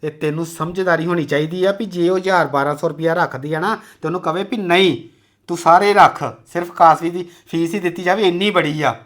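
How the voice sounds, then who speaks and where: A man's voice: fairly high pitch, steady tone, fairly quick, fairly bright tone, close to an everyday voice. Give me a man as an accusing husband standing up for his sister. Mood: scolding. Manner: scolding, accusing. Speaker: son and husband in a family drama. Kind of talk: amateur family drama acting.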